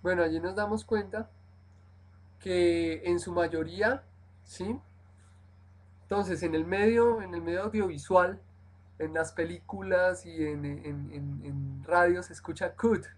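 A woman's voice: on the low side, a little mellow, low-quality recording. A woman teaching an English lesson over a live stream. She explains step by step, repeats example words carefully, and keeps checking that her students follow. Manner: models English words slowly and repeats them.

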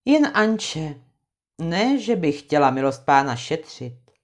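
A woman reading a fairy tale aloud, expressive and vivid. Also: deep voice. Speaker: storyteller.

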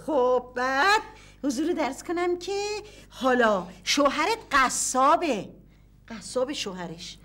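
A bossy fortune teller. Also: female voice, sits high, animated, fairly bright tone. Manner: domineering, fast-talking. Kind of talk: sitcom acting.

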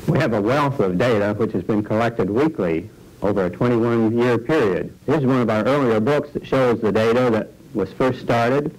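A man's voice: mid-range voice, moderate pace, a little mellow, rough recording. A middle-aged man, an agricultural statistician, explaining weekly data in a matter-of-fact way in an office. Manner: matter-of-fact, reads out figures. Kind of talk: explanatory talk for a film.

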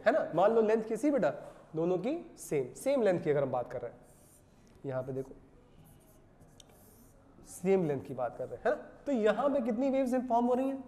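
A man's voice: high voice, mellow. Man teaching physics in a reverberant hall. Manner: asks rhetorical questions and repeats answers, calls students "beta". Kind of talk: classroom lecture.

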